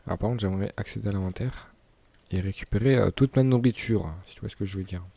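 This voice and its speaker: Young man chatting over gameplay, mellow voice. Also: fairly low pitch, quick pace, gravelly, no room sound. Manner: chatty, laughs and stumbles over words. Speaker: gaming YouTuber. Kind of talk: casual gameplay commentary.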